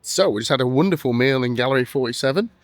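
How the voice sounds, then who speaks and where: A man's voice: mid-range voice, expressive, quick pace, no echo, soft background music. A tired man hosting a casual travel vlog, chatty, jokey and rambling. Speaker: vlog host.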